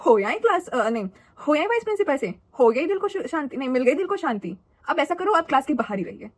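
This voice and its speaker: A woman's voice: high-pitched, big pitch swings, quick pace, pitched above the performer's own voice. A woman mimicking a sarcastic male schoolteacher who taunts a student in a sing-song, mocking way.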